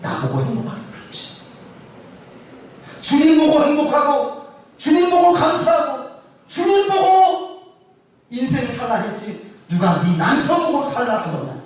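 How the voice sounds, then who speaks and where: A male pastor voicing God, who speaks to a weeping woman in a slow, solemn, rebuking way. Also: extremely high pitch, sing-song, recorded from a distance, voice pushed up, exaggerated voice. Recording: very echoey church hall from afar, faint noise.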